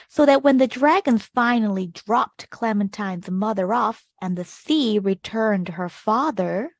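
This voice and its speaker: In a dry recording, a woman with a rather high voice reads a picture book expressively to children as a storytime host. She stresses key words as she goes and slips in brief asides to the young audience.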